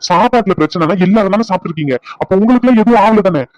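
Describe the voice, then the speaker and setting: A man voicing an angry husband in a cartoon who shouts accusations at his family, heard on a dull, lo-fi recording. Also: high-pitched, very fast, no room sound, natural voice. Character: angry young husband storming home. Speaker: cartoon character.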